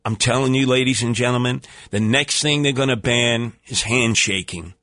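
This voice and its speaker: A man hosts talk radio in a New York accent, his voice bright and punchy in a dry studio sound. He rambles through comic monologue with bombastic, theatrical delivery. His streetwise speech is full of colourful coinages. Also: medium pitch, normal speed, no room sound.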